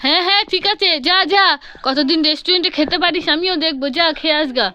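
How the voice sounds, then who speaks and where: A woman playing a mother in a family comedy sketch, scolding and coaxing and repeating words quickly. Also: extremely high pitch, bright, forceful tone, no room sound, muffled recording.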